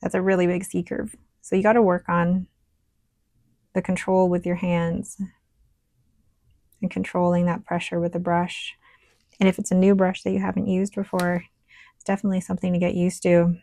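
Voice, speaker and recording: A stationery vlogger does a casual show-and-tell while writing and painting, thinking aloud in a relaxed, chatty way. Her low voice is gravelly, scratchy and hoarse, at normal speed with long pauses. The recording is dry and close, with no room sound.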